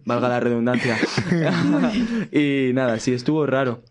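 A man's voice: medium pitch, big pitch swings, a little slow, darkish tone. A man, a musician telling stories in a casual, rambling way. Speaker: musician guest. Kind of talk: casual chat.

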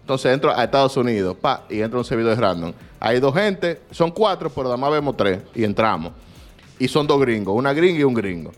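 A man's voice: medium pitch, lively intonation, brisk. A young man, rambling through a story in slangy casual chat as podcast co-host.

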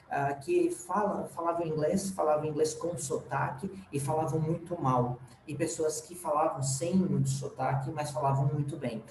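A man's voice: on the high side, darkish tone. A man with a Brazilian Portuguese accent, teaching an English lesson to his students and slipping English fillers into his explanations. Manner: explanatory, with frequent restarts. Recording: roomy echo, faint background noise.

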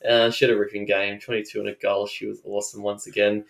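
A man's voice: lowish voice, level tone, fast talker, creaky, fairly bright tone. Australian man, roomy echo. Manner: hesitant, thinking aloud, leads the segment. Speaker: podcast co-host. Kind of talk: casual sports chat.

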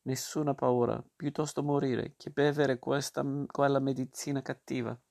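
A man's voice: mid-range voice, level tone, moderate pace, gravelly, a little mellow, lightly acted. A man reading a storybook aloud and voicing a stubborn, whiny wooden puppet boy in a raised voice. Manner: whiny, protesting.

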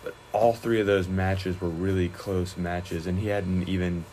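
A young man, a high school wrestler, chatting casually in an interview, relaxed and rambling with many fillers and restarts. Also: measured pace, a little hiss or hum, poor audio.

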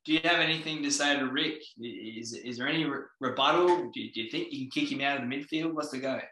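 Bright, teasing Australian man in echoey room. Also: mid-range voice, fast talker, slight background noise. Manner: teasing banter. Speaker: podcast co-host. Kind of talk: casual chat. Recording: roomy, echoey sound.

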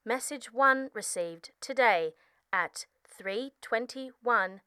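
A woman's voice: a little high, takes it slowly, sharp tone, clean tone, no echo, clean studio sound. A woman voicing an impassive, formulaic automated voicemail system.

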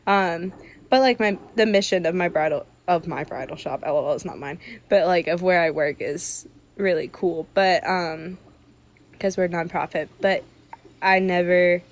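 A woman's voice: on the low side, normal speed, a little hiss or hum. A young woman in casual podcast chat, talking loosely with constant "like" fillers. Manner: chatty, heavy use of 'like', laughs easily.

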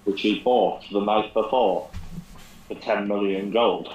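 Slow, rambling man in an echoey room. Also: lowish voice, steady tone, a little mellow, dull audio, a little hiss or hum. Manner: rambling, with many fillers. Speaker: podcast host. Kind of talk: casual chat, recounting a tabletop game.

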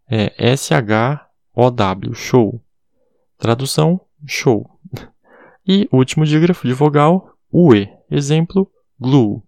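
Male teacher, casual audio lesson, spells words slowly, gravelly voice, middle pitch. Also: a little mellow, dry recording, studio quality. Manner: spells words letter by letter, says "tá bom?" often. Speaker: English teacher.

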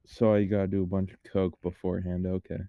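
A man co-hosting a casual podcast, joking in a dry, deadpan way with few words. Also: deep voice, fast, vocal fry, no echo, phone-quality sound. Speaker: podcast co-host.

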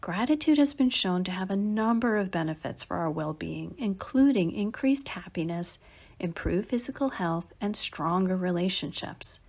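A middle-aged woman hosting a meditation podcast, speaking in a gentle, soothing and unhurried way. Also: medium pitch, expressive, breathy edge. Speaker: podcast host and meditation guide. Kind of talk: guided meditation narration. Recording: music behind the voice. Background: music.

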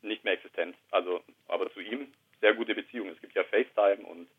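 Husky-voiced man on a tinny line. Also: lowish voice, brisk. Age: 30s. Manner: quiet, reflective, hesitant. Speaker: guest. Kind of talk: candid personal conversation. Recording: tinny phone-line sound.

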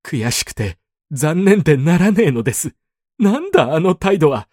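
A man reading a story aloud, voicing a weepy, rough-talking grown man who rambles and repeats himself through sobs. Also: high voice, wildly swooping pitch, normal speed, dry recording, studio quality, pitched above the performer's own voice, heavily acted. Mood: sobbing.

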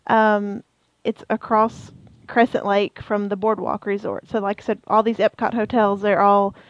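A woman's voice: medium pitch, flat delivery, moderate pace, no room sound, lo-fi sound. A woman co-hosting a casual podcast chat, talking freely with many fillers and restarts. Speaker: co-host of a theme park podcast.

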